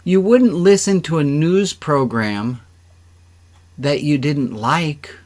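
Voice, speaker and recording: A man acting as a rabbi leads an informal online service, joking, conversational and encouraging people to join in the exercises of an interactive sermon. His voice is a little high and a little mellow, and he takes things slowly.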